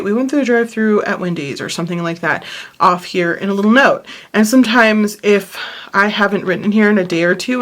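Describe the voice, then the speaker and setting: A woman's voice: mid-range voice, a bit bright. A tired, short-of-breath woman chatting casually at home in a planner vlog, rambling and apologizing as she drifts off topic. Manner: rambling, apologetic, easily sidetracked. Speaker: planner vlogger.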